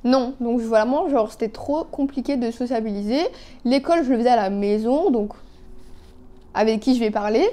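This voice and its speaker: A woman in her twenties talks through her makeup in a loose, chatty way, scattering fillers and asides. Her voice sits a little high but sounds soft and mellow. It is recorded on a phone. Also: normal speed. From Canada. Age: 20s. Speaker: beauty vlogger. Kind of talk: casual chat while doing makeup.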